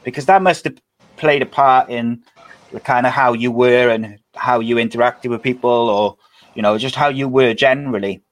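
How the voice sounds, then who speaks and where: A man's voice: medium pitch, steady tone, moderate pace, dry recording, rough recording. A man, interviewing in an informal, conversational way as a podcast host. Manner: informal, frequent "like" and tag questions.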